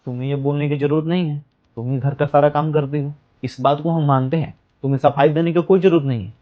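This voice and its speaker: In an amateur family drama, a man plays an elder brother lecturing his wife and sister-in-law for fighting. His voice is fairly high and steady, fast-paced and lightly acted. The lo-fi recording sounds dull, with faint music underneath.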